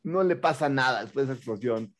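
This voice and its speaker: A man's voice: mid-range voice, animated, fast, a crowd in the background. A man with a Mexican accent co-hosting a movie review show, talking in slangy, incredulous rants in a casual, humorous chat.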